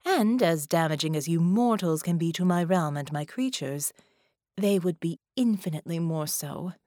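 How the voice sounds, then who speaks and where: An imperious ancient sea goddess, voiced by a woman narrator, speaks in slow, formal, deliberate phrases. Her tone is lofty and impatient with groveling. The storybook recording is dry and close. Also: lowish voice, lively intonation, dark tone, no echo, close to an everyday voice. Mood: stately. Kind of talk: audiobook character voice.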